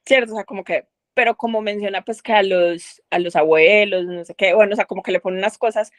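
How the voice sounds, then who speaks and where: A woman in a book club talks a little fast in a mid-range voice, rambling through her ideas with lots of fillers and false starts in a casual group discussion. The audio has no room sound.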